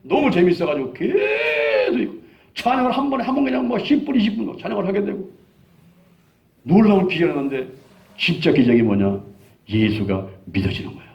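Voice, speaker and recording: A man's voice: sits high, brisk, gravelly. A man in his sixties, a pastor, telling a testimony in a sermon, acting out the lines of the people in his story. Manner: animated storytelling, acting out quoted dialogue. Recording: dull lo-fi sound.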